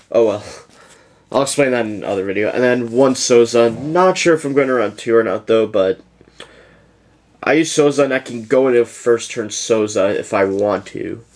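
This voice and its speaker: A man's voice: mid-range voice, darkish tone. A young man giving a casual, rambling deck profile to his channel, yawning as he goes. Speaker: YouTuber presenting a card deck.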